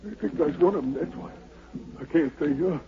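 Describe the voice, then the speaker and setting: An actor playing a proud, desperate fugitive emperor with a Southern American accent and anguished, pleading delivery in a radio drama. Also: male voice, a little high, normal speed, natural voice. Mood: frightened, exhausted. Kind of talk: 1940s radio drama acting. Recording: dull 1940s radio broadcast.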